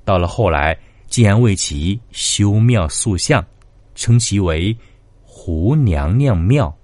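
A man tells old ghost stories with dramatic flair, his lowish voice swinging widely in pitch as the tale unfolds. The sound is dry and close, with no room around it. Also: expressive, takes it slowly, a little mellow, dry recording. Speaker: storyteller. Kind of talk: dramatic narration of classic ghost tales.

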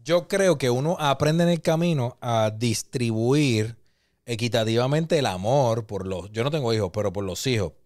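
A man's voice: mid-range voice, normal speed, a little mellow. A young man, teasing his brother and joking in casual chat as a podcast co-host. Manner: teasing, boastful banter.

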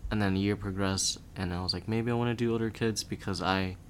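A young man talks in a low voice, loose and rambling, his sentences full of "like" and "um." Faint hiss sits under the recording. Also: fast. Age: young adult. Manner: relaxed, rambling, full of filler words. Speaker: guest. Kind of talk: casual podcast chat.

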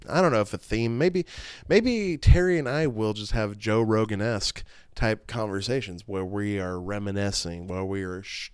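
A man's voice: on the low side, clean tone, no room sound, clean studio sound. Rambling, profane man in his thirties. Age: 30s. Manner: rambling, profane, self-deprecating. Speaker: podcast host. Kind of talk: casual solo podcast monologue.

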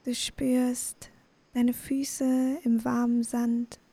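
Woman doing a bedtime sleep story, gentle breathy near whisper, kinda high but even, really close dry sound. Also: extremely slow, no echo. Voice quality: breathy, soft. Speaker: sleep meditation podcast host and narrator. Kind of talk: sleep story narration, guided bedtime meditation.

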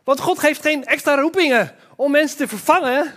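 A man with a high voice preaches a church sermon. He talks with enthusiasm and breaks into exclamations. He keeps turning to the congregation and speaking to them directly. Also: moderate pace, fairly bright tone.

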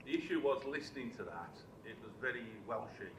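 A man's voice: medium pitch, lively intonation, fast talker. Male audience member, friendly and joking; distant, roomy sound with background noise. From Birmingham, England. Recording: distant, roomy, noisy hall.

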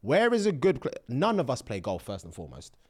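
A man's voice: mid-range voice, huge pitch swings, fairly quick, breathy edge. A young man with a London accent and a roadman way of talking, chatting casually as a slangy, sweary podcast co-host. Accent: London, urban slang. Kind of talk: casual banter between friends.

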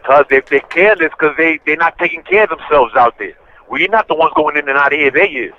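Man on a prison phone, slightly high. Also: lively intonation, fast talker. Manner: blunt street slang, rambling complaints. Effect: on a prison phone call. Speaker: inmate calling in. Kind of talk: casual phone chat. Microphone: prison payphone handset. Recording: muffled prison phone line, faint hiss.

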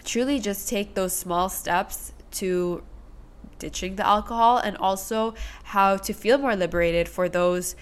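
A woman hosting a podcast, a little under the weather with a nasal, congested voice, speaking in a gentle, upbeat way. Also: medium pitch, measured pace, clear, resonant tone. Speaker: podcast host. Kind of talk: podcast intro and interview.

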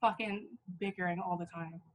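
A woman's voice: lowish voice, steady tone, moderate pace, low-quality recording. A young woman in casual chat, self-mocking, swearing freely and laughing often.

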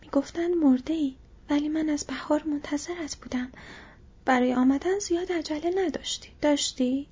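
A woman's voice: high-pitched, darkish tone, voice pushed up, close to an everyday voice. A woman reading the part of a spirited young female hobbit who talks frankly and teasingly. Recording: dull lo-fi audio.

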